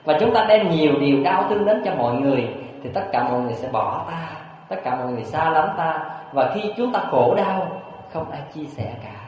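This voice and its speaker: Monk guy giving a sermon, kinda high voice, big echoey hall, muffled lo-fi. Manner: animated, storytelling, rhetorical questions. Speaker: Buddhist monk. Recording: echoey hall, dull lo-fi sound.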